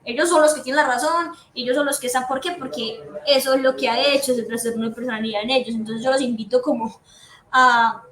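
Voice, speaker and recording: Earnest high-voiced woman psychiatrist. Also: fairly even intonation, brisk, a bit bright. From Colombia. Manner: earnest, explanatory, repeats key points. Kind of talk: educational talk to patients' families. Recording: echoey room with faint background noise.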